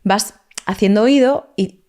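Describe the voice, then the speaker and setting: A woman speaks in a podcast interview as a language teacher. She explains at length and with energy, dropping English words into her sentences. Her voice sits at an ordinary middle pitch. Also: unhurried, mellow. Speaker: language teacher, guest expert.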